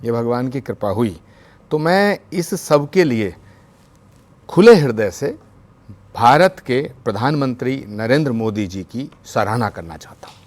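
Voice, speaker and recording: Formal measured man on a TV panel. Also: mid-range voice, animated, a little mellow. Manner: measured, formal, devotional phrasing. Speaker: panelist, spiritual leader. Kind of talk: TV debate argument. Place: TV studio.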